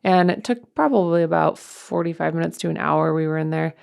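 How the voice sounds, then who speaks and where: Woman, podcast co-host and mom; rambling casual chat, lowish gravelly voice. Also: fairly quick, darkish tone. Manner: rambling, chatty, many fillers.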